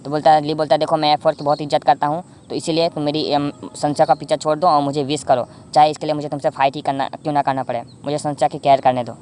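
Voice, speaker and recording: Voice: mid-range voice, little pitch movement, fast talker, few pauses, a little mellow, slight background noise. A narrator from India giving a casual, rambling recap of a drama episode, often correcting themselves mid-sentence with fillers.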